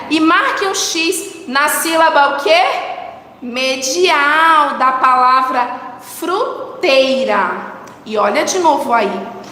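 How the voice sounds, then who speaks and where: A woman's voice: sits high, a bit bright. A woman with a Brazilian Portuguese accent teaching a recorded lesson for children, coaxing them along by asking questions and answering them herself. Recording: echoey room with long reverb, faint noise.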